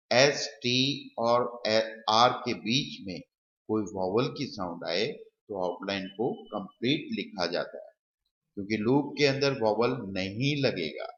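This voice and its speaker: Slow-talking male shorthand tutor. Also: mid-range voice, a bit bright. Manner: slow, repeats example words while writing. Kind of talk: slow step-by-step lesson. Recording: dull, roomy recording.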